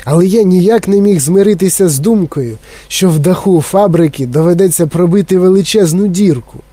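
Storybook: man playing a manic, gushing factory owner, pitched up, husky, dry close read. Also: moderate pace, warm tone, dry recording. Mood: excited. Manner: gushing, breathless, exclamatory. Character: giddy eccentric male candy-factory owner.

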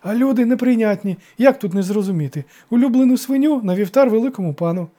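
A frightened old village elder, put on by a male narrator, wailing and pleading. His voice climbs high and loud. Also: expressive, fast.

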